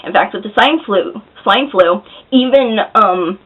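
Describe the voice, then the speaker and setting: An American woman who is hoarse and unwell with a cold, chatting casually and candidly to her viewers, a little short of breath. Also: mid-range voice, unhurried. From Oregon, United States. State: out of breath, shaky. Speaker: vlogger answering viewer questions. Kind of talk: casual chat to camera. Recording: thin, phone-like narrow sound.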